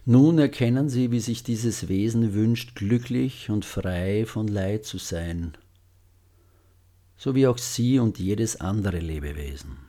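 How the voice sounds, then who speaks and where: A man guiding a loving-kindness meditation, speaking gently with long pauses and letting his phrases trail off softly. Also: lowish voice, expressive. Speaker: meditation guide.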